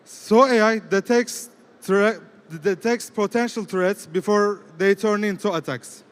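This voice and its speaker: A male presenter with a Turkish accent gives a business pitch. His voice is high and smooth, and he speaks in short statements broken up by rhetorical questions. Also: steady tone, a little slow. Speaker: team lead presenting.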